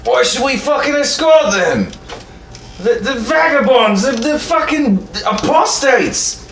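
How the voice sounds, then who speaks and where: A man voicing a gruff, hostile male Templar soldier who barks accusations. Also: fairly high pitch, slow, voice pushed up. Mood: furious. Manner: barking, accusing. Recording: echoey room, mic far off, steady background noise.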